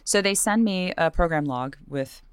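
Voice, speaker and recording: A woman with a husky voice and some vocal fry, chatting casually in an interview about her work. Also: animated, moderate pace, no room sound. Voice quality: low-pitched vocal fry. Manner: chatty, conversational. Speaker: radio host and classical singer, being interviewed. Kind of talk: casual chat.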